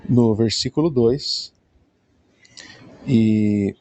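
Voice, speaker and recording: A man's voice: mid-range voice, extremely slow, a little mellow, no room sound. A Brazilian man giving a patient, explanatory lesson, often checking in with his listeners. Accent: Brazilian Portuguese. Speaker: Greek teacher.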